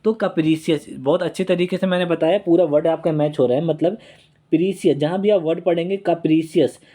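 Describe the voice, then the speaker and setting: A man's voice: a little high, steady tone, fairly quick, mellow. A man teaching exam vocabulary in a casual lesson, repeating key words and checking in with "okay?", joking about his own drawings. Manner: self-deprecating while drawing on screen. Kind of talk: casual Hindi-English exam lesson with mnemonics.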